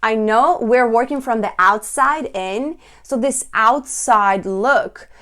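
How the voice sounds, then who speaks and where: Female public speaking coach, slightly high voice, deliberate and emphatic demonstration-style delivery for instructional presentation. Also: a bit bright.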